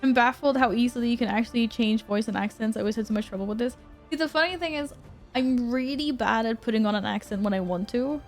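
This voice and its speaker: A chatty young woman, talking with her viewers in a relaxed, casual way. Her voice sits a little high, with faint music playing under it. She reads messages aloud and laughs easily. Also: fast talker. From Sweden. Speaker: streamer. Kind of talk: casual chat with stream viewers. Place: apartment room at home.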